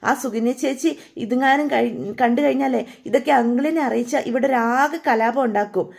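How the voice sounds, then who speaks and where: An anxious younger sister, voiced by a woman storyteller speaks in urgent, worried bursts. Her voice is high and carries a slight rasp. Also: brisk.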